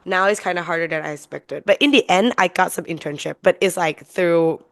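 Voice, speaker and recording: A woman's voice: lowish voice, fairly quick, gravelly, a bit bright, dry recording, clean studio sound. A young woman from Thailand, co-hosting a podcast in casual chat, chatty and laughing often. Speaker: podcast co-host.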